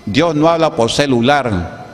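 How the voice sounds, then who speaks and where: A man's voice: medium pitch, expressive, a little slow, slight background noise. Man preaching in an echoey hall. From Peru. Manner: preaching, rhetorical questions, checking in with the congregation. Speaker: pastor. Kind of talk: Pentecostal sermon. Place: church hall.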